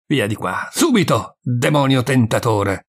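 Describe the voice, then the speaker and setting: A man voicing a hot-tempered male sacristan who shouts and scolds, with a gravelly, husky voice, in an audiobook reading. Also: medium pitch, expressive, measured pace. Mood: furious shouting. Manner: furious, scolding outbursts. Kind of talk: audiobook reading of a short story.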